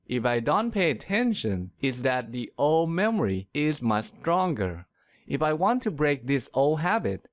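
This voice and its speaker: A man giving a scripted pronunciation lesson, explaining clearly and demonstrating words with exaggerated stress. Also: on the high side, no echo, clean studio sound. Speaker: pronunciation teacher. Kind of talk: scripted instructional narration.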